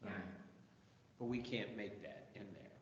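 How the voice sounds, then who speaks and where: A man's voice: lowish voice, normal speed. A man on a review committee, asking blunt, skeptical questions in a meeting, heard with a big hall echo. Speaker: committee member. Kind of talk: meeting discussion. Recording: big echoey hall, dull sound, faint hiss.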